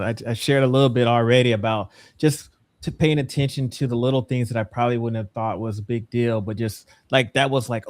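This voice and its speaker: A man in his forties, a guest educator, answering a panel question in a reflective, measured way. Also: medium pitch, no room sound.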